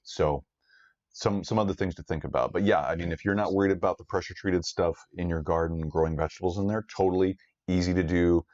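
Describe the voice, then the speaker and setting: A man with a very low, deep voice chats casually as co-host of a gardening live stream. He talks in a relaxed way, filling gaps with ums and uhs. The audio is dull and lo-fi. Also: fast. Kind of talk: casual chat.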